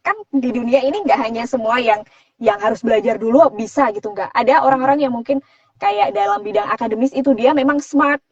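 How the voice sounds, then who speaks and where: Woman, voice-over artist, casual explanatory chat, fairly high voice, dull recording. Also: darkish tone, dry recording, far from the mic. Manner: chatty, explains with examples.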